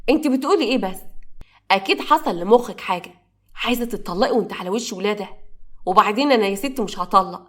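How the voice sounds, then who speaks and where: امرأة تؤدي مصطفى، أب مرير ناقم بلهجة مصرية يلوم ابنه بمرارة. كلامه سريع متلاحق. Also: female voice, medium pitch, animated, fast, close to an everyday voice. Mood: bitter. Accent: Egyptian. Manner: bitter, reproachful. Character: bitter weary father Mustafa, resentful man.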